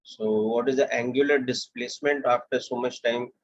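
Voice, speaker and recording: A young man with an Indian English accent teaches physics to a class, talking through each step at an even, explanatory pace. His voice has a slight husk to it. The recording sounds dull and lo-fi. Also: mid-range voice, moderate pace. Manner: steady, explanatory, walks through steps aloud. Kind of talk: classroom lecture.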